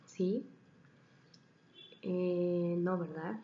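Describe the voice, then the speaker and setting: A woman's voice: fairly low pitch, steady tone, drawn-out words. A woman teacher, lecturing a class and often checking that students follow. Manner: explanatory, frequent checking questions. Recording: dull, roomy, faint hiss.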